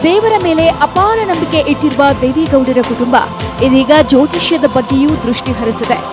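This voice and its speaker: A woman reporter with a Kannada accent reads a punchy, dramatic news voice-over at a brisk pace in a very high voice. Clear background music runs beneath her.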